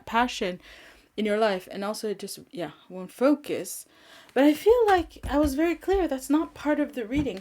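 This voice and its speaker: A woman giving a casual pick-a-card tarot reading, chatty and giggly, often breaking into laughter. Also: medium pitch. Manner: giggly, chatty and warm-hearted, with frequent laughs and fillers. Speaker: tarot reader.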